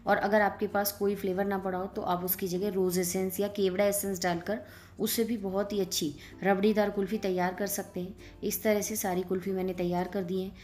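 Calm woman narrating a home recipe. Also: medium pitch, fairly quick. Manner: calm step-by-step instructing, addressing viewers directly. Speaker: cooking channel host. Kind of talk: voice-over recipe demonstration.

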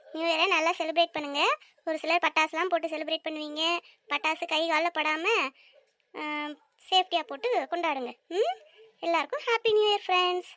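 A woman voicing a cheeky, shrill little cartoon girl. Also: brisk, fairly bright tone, no echo, clean studio sound. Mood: chatty. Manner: teasing, scolding, chatty asides to viewers. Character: cheeky young girl, bold and sharp-tongued. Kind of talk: cartoon voice acting.

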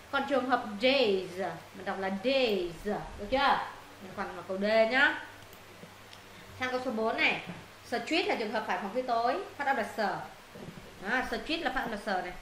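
A woman teaching an English lesson to her students, walking them through answers and firing quick questions to check they follow. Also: a little high, animated, fairly bright tone. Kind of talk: classroom lesson explaining answers. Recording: roomy echo, faint noise.

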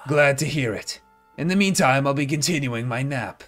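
A man's voice: medium pitch, moderate pace, a bit bright, faint music behind, close to an everyday voice. A man voicing a haughty, hungry god of destruction from a video game, pompous and demanding. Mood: imperious. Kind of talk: video game dialogue read aloud.

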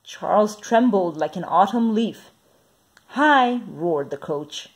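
A woman reading a children's picture book aloud, lively and expressive. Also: fairly low pitch, a little slow, breathy edge. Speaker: storyteller.

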